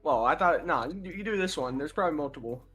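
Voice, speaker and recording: A man's voice: a little high, lively intonation, quick pace, a bit bright, slightly rough, soft background music. A man joking and teasing his friends on a livestream. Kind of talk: casual banter.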